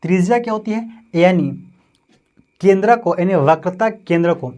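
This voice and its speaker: A man with a Bihari Hindi accent teaches physics in a fairly high, slightly mellow voice at a normal pace. He repeats terms, checks in with "समझे?" and "है ना", and poses questions only to answer them himself.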